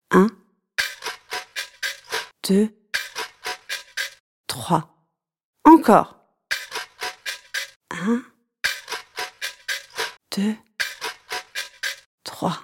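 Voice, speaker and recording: A woman guiding children through a movement session, counting out each step slowly and encouraging them. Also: fairly high pitch. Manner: slow, encouraging counting and instructions. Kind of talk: guided kids' exercise session.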